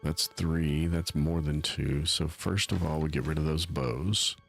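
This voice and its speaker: A man chats his way through a live game stream in a deep voice with a gravelly, fried edge. He rambles and pokes fun at himself as he talks to his viewers, with faint music playing underneath. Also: fairly even intonation, a little slow. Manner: rambling, self-mocking, talks to chat. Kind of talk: casual live-stream commentary.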